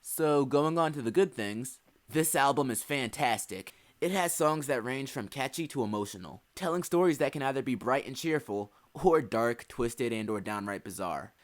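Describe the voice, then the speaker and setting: A man's voice: medium pitch, lively intonation, normal speed. A young man giving a scripted, earnest album review with dry asides, hosting his own video. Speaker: music reviewer. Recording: faint music bed behind voice.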